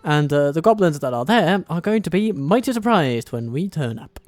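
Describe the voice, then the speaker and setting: A casual, self-mocking man hosts his strategy game session, musing aloud about each move. His voice sits a little high for a man, over faint background music. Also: animated, moderate pace, a little mellow. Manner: chatty, self-deprecating, thinks aloud. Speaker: host and strategy game player. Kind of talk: casual gameplay commentary.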